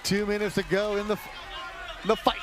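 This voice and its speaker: A high-voiced man works as a hype play-by-play announcer at a boxing match. He delivers live ringside commentary with dramatic, emphatic calls. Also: little pitch movement, fairly quick, crowd noise, noisy background. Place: ringside at an arena.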